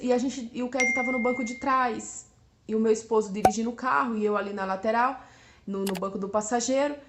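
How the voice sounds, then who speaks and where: A middle-aged woman, a mother, giving a halting, earnest church testimony and often checking in with a tag question. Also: on the high side, roomy sound.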